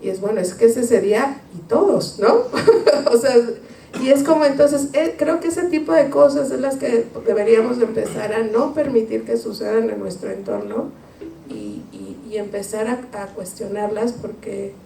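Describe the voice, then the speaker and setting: Gravelly, hesitant woman, distant. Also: fairly high pitch, animated, moderate pace, mellow. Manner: hesitant, many restarts and tag questions. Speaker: university panelist. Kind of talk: spontaneous academic discussion. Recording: echoey room, distant mic, faint noise.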